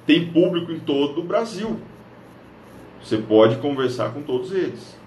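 A fairly high-voiced man hosts a live stream and coaches his viewers, upbeat and direct, looking right into the camera. His voice rings around an echoey room, picked up by a camera mic. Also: expressive, normal speed, a little mellow, slight background noise. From northern Paraná, Brazil. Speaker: live stream host and social media coach.

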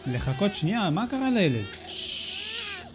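A man's voice: very high-pitched, huge pitch swings, noisy background. A man hosting a let's play, giving casual, sarcastic commentary that mocks the game character. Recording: faint game music in the background.

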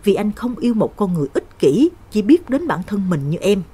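Young guy in love with a ghost, a woman reads him, firm and defiant, breathy. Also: medium pitch, big pitch swings, a little fast, warm tone. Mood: resolute. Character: young man torn between love and fear.

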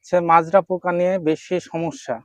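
A man's voice: sits high, little pitch movement, moderate pace, no echo. A man, a farmer, answering questions briefly out in a rice field.

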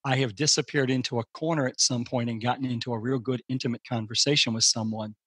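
Husky older man, thinking aloud. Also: fast, no room sound. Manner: reflective, thinks aloud, animated rises in pitch. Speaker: podcast guest, strategic advisor. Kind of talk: casual conversation.

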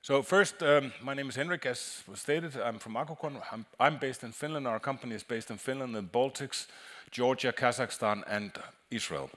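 On a stage in a large conference hall, a man who designs acoustics gives a conference talk. His voice is medium-pitched with a fairly bright tone, and he explains in a halting way, repeating words.

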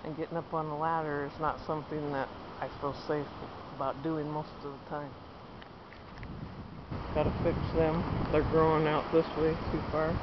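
A woman in her thirties walks through her backyard garden, chatting casually as she points out plants to a handheld camera. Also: deep voice. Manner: chatty, pointing things out while walking. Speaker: home gardener. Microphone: handheld camera at arm's length. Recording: dull lo-fi outdoor camera audio, clear background noise.

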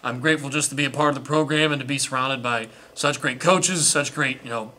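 A man's voice: mid-range voice, a little fast, pushed and bright. A young man, a college quarterback, answering post-game press questions earnestly, with many small restarts. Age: young adult. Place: indoor press room before sponsor backdrop.

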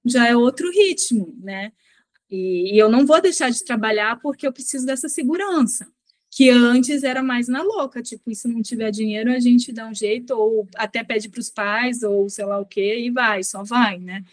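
A woman in her thirties chatting on a video call as an interview guest, relaxed and reflective, often ending lines with a quick tag question. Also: a little high, no room sound. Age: 30s. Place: small bedroom indoors. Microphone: laptop webcam on video call.

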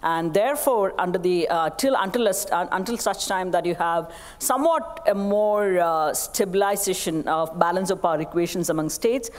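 A middle-aged woman answers on a conference stage in a low-pitched voice, weighing her words with frequent pauses and fillers. The sound carries a long hall reverb. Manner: measured, hesitant with many fillers. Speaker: panelist. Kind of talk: conference panel discussion.

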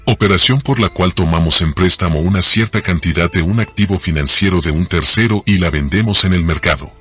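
Low-voiced guy explaining finance stuff, bright edge, soft music behind. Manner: measured, explanatory delivery. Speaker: finance teacher. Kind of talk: scripted narration.

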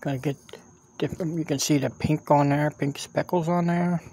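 A man giving casual snack tasting commentary as a vlogger, halting and repetitive as he thinks aloud outdoors. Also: on the high side, steady tone, a little mellow. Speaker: food review vlogger. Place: outdoors at a picnic table in a park.

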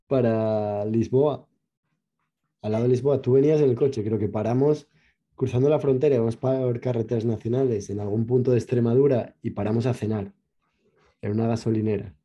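A man's voice: medium pitch, fairly even intonation, a little fast, mellow. A young Spanish man with a Spain Spanish accent, co-hosting a podcast and telling stories in an easygoing casual chat. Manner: storytelling, easygoing. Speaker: podcast co-host. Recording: dull lo-fi recording.

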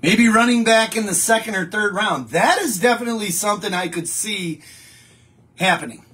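A middle-aged man with a high-pitched, animated, pushed and bright voice hosts a casual live stream from a home studio with a wallpaper backdrop. At a moderate pace, he reads and answers viewer comments in a chatty, rambling way, often restarting his sentences.

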